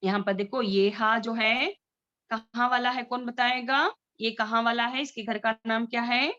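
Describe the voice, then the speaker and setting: A woman's voice: on the high side, fairly even intonation, unhurried, pushed and bright, muffled recording. A woman teaching a Tajweed recitation class, patiently drawing out letter sounds and often checking that students follow. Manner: frequent checks for understanding.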